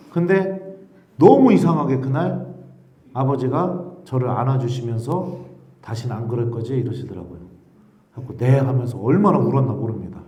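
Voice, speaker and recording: A middle-aged male priest preaches in a casual, storytelling way, now and then acting out voices. He sounds a little distant from the mic, and the room gives an echo. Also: fairly high pitch. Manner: animated storyteller, acts out shouted quotes. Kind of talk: sermon with a personal story.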